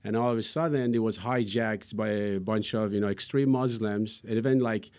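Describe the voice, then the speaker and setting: A man's voice: on the low side, fairly even intonation, moderate pace, a little mellow. A middle-aged man from Iran with an Iranian accent, answering interview questions earnestly and rambling with many fillers. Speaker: guest.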